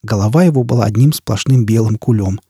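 Brief: male audiobook narrator, dark, husky, dry close sound. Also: fairly low pitch, a little fast, no echo.

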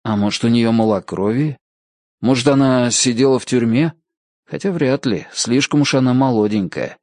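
A man narrating an audiobook in an expressive, animated reading style. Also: medium pitch, normal speed, dry recording, clean studio sound.

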